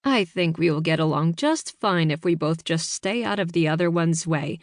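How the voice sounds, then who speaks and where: A woman's voice: deep voice, normal speed, no room sound, studio quality, lightly acted. A woman voicing a curt, no-nonsense grandmother in an audiobook. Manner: curt, dismissive. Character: blunt grandmother, cold and no-nonsense.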